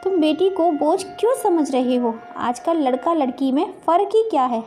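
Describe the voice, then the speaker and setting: A woman plays a gentle young pregnant wife from a storybook who pleads and reasons. Her voice is high and mellow, with soft music beneath. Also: lively intonation, normal speed. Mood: pleading. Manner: pleading, tearful.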